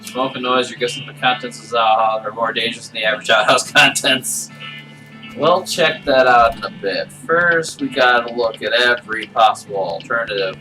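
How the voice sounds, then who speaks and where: A man's voice: medium pitch, moderate pace, pushed and bright. A man giving casual playthrough commentary, thinking aloud in a playful mutter as he plays. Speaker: gamer playing and narrating a game. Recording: distant mic, game music behind.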